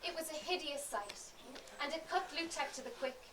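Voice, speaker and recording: A woman telling a fairy tale in a lively, dramatic storyteller manner. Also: sits high, normal speed. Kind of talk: expressive storytelling. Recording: roomy, distant, noisy.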